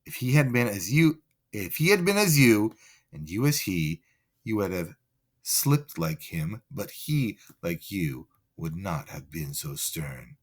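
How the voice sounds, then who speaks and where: An earnest young woman pleads for mercy, her voice swinging widely between high urgency and low, quiet appeals, as a man reading the play speaks her part. Her pace is deliberate and her speech is impassioned. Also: very animated, slightly rough, exaggerated voice. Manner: earnest, pleading, rising and falling.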